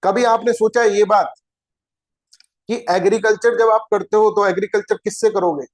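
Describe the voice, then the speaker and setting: A man with a voice that sits high, steady in tone and moderate in pace, teaches an exam-prep geography lecture. He's chatty and informal and keeps asking his students rhetorical questions.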